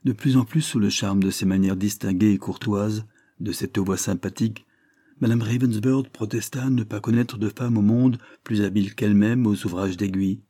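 A man's voice: fairly low pitch, steady tone, moderate pace, warm tone, no echo, clean studio sound. A man reading a novel aloud as scripted narration, lifting his voice for dialogue. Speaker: audiobook reader.

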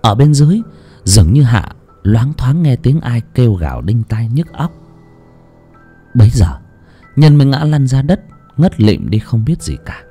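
A man's voice: medium pitch, normal speed, long pauses, husky. A man narrating a horror audiobook dramatically. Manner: dramatic, expressive. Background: faint music.

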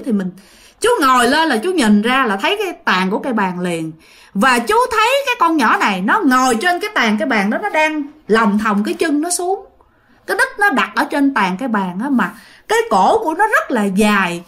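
A woman's voice: sits high, fairly bright tone. A woman telling a ghost story casually, addressing her listeners directly.

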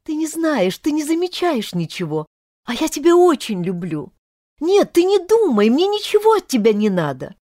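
Woman reader doing a young girl pleading and teary, high voice swinging all over, dry close sound. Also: very animated, normal speed, dark tone, dry recording. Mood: tearful. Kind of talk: audiobook character voice.

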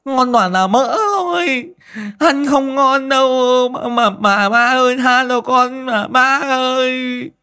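Man putting on a terrified young village woman, shrill falsetto, sobbing, slow drawn-out pleading. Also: sharp tone, clear, resonant tone, exaggerated voice.

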